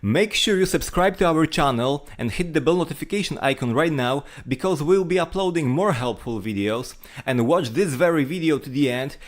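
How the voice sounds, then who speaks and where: A man's voice: on the high side, lively intonation, normal speed, hardly any pauses. A man reading a scripted tutorial voice-over as a video channel presenter.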